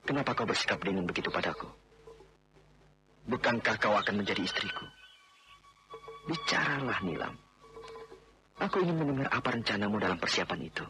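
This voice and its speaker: A man's voice: on the low side, big pitch swings, brisk, long pauses, sharp tone, soft background music. An actor playing a domineering man who insists on marrying a woman he wronged, in a 1980s radio drama. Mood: insistent. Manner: insistent, overbearing, then remorseful.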